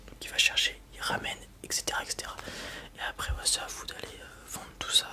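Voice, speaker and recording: A wandering space robot salesperson is the character here, voiced by an ASMR roleplayer. Their delivery is a soft whisper, slow-paced and tentative.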